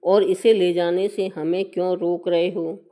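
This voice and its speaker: Stern male death messengers read by a woman, demanding, very slow, measured recitation. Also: lowish voice, level tone, dark tone, close to an everyday voice.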